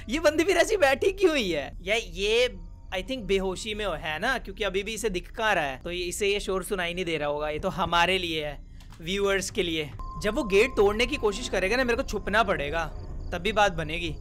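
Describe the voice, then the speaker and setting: A young man giving joking, excitable commentary while playing a horror game, with loud reactions. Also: sits high, moderate pace, soft background music. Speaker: gaming YouTuber.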